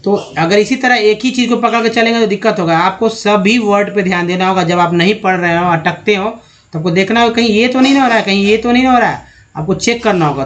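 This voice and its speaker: A man teaching English spelling and pronunciation from slides, drawing words out slowly one at a time and addressing viewers as friends. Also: high-pitched, a bit bright. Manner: slow, drawn-out word-by-word pronunciation. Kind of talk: slide-based spelling lesson.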